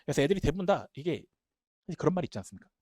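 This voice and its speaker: A man's voice: on the high side, no room sound, clean studio sound. A man who teaches Korean language, giving an emphatic talk at an admissions seminar. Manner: emphatic, talks fast and animated.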